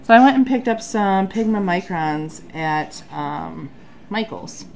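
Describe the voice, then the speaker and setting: Nasal from a sinus infection, this woman in her thirties talks casually through her bullet journal at her home desk beneath an overhead light, with plenty of ums. Her medium-pitched voice is gravelly and darkish, lively in intonation but slow. A little hiss or hum sits underneath.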